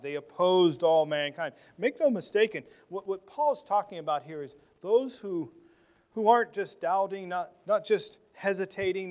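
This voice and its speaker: A pastor preaching a sermon, earnest, often repeating words as he restarts, moving between loud stressed phrases and quiet asides. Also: high voice.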